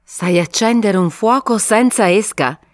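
A woman's voice: medium pitch, measured pace, no room sound, clean studio sound, natural voice. A woman voicing a weary, protective young woman in an audiobook. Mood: puzzled.

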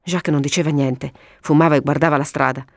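A woman narrating a detective story in an animated reading style. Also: deep voice, quick pace, dry recording, clean studio sound.

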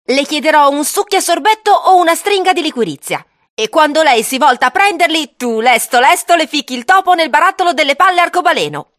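A man reading an audiobook, voicing a bold young schoolboy who talks fast and bossy. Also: extremely high pitch, lively intonation, a bit bright, no room sound, clean studio sound, voice pushed up. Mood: scheming. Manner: eager, bossy, quick-talking.

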